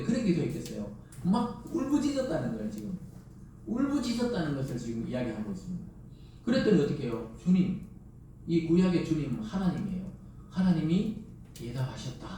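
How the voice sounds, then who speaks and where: Middle-aged pastor preaching, big swings up and down, mellow voice, echoey church from far off. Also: male voice, fairly high pitch, a little hiss or hum. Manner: emphatic, rises and drops sharply for stress; asks the congregation rhetorical questions. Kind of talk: Sunday sermon. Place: church sanctuary. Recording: echoey church sound from a distant mic.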